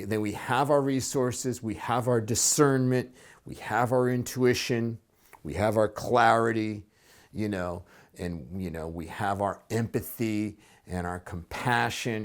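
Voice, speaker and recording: Calm low-voiced man giving reflective advice. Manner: calm, reflective, many fillers and restarts. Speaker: psychotherapist and coach. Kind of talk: solo advice talk to camera.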